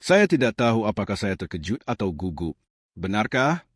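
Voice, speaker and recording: A man doing a calm, aloof old sect master. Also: on the low side, moderate pace, breathy edge, no room sound, studio quality. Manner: calm, unreadable, condescending.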